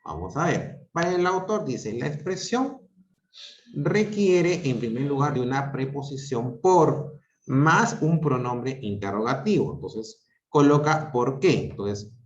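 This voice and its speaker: Teaching grammar online from home on a video call, this man talks in a medium-pitched, animated voice, a little slowly. He walks students through each step and checks in with them often; the call audio is roomy and dull.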